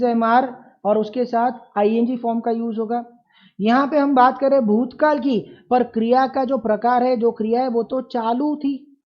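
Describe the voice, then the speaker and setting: A woman's voice: a little high, lo-fi sound. A woman teacher giving a grammar lesson, repeating example sentences emphatically and asking her students questions.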